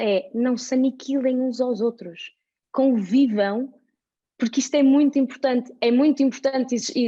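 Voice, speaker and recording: Animated woman, European Portuguese accent. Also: on the high side, lo-fi sound. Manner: animated, talks in examples. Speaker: podcast guest. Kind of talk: casual interview chat.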